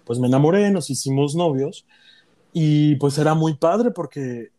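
A man's voice: on the high side, measured pace. A young man with a Mexican Spanish accent, candidly telling a personal story in casual chat and acting out the voices of people in it. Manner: candid, animated, acts out quoted voices. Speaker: guest telling his story.

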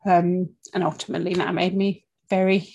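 A woman working as a breathing coach, talking candidly and informally to camera in a deliberate, halting way with long pauses, often checking in with the listener. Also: lowish voice, flat delivery, a little mellow, highs cut off. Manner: candid, conversational, checks in with okay and yeah. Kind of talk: informal spoken talk to camera about anxiety and breathing.

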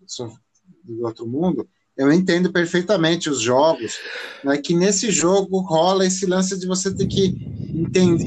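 Opinionated Brazilian man chatting. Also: high-pitched. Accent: Brazilian Portuguese. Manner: opinionated, animated, with frequent restarts. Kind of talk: casual chat.

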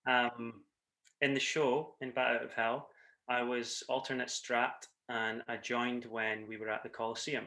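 A man's voice: medium pitch, level tone, measured pace, sharp tone, poor audio. A man with a Scottish accent, a theatre performer chatting casually as an interview guest. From Scotland. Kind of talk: casual group interview chat.

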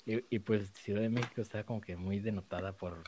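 A man's voice: lowish voice, fairly even intonation, a little fast, warm tone, slight background noise. A man with a Mexico City accent, co-hosting a comedic podcast in laid-back, slang-heavy banter full of fillers. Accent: Mexico City Spanish. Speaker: podcast co-host. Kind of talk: casual comedic chat. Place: remote, away from co-host.

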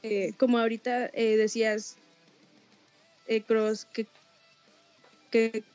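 A woman co-hosting a talk show over a remote call, talking haltingly as her glitching connection keeps cutting out. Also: a little high, little pitch movement, a little mellow, faint music behind. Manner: hesitant, halting, searching for words. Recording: dull lo-fi call line.

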